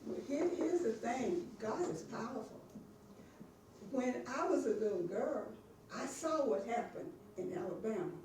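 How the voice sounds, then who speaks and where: Older lady from texas testifying, high voice swinging all over, very echoey far off. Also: lively intonation, measured pace, darkish tone, slight background noise. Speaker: visiting church class participant. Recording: very echoey room from afar.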